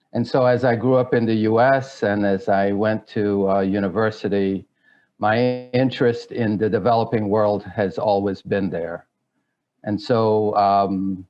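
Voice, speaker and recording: A man's voice: fairly low pitch, lo-fi sound. A middle-aged man from Guyana, answering interview questions in a hesitant way, with many fillers and restarts. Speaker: guest.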